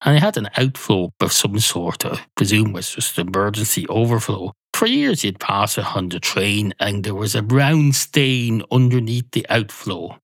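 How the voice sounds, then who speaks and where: A man's voice: fairly low pitch, lively intonation, normal speed, few pauses, dry recording. A man with an Irish accent delivering a comic monologue with sardonic, mock-earnest asides.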